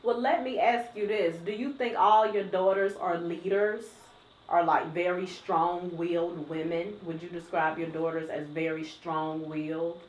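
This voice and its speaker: A woman's voice: fairly low pitch, steady tone, unhurried, a little mellow. A woman asking questions as the interviewer in a casual family conversation. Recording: echoey room.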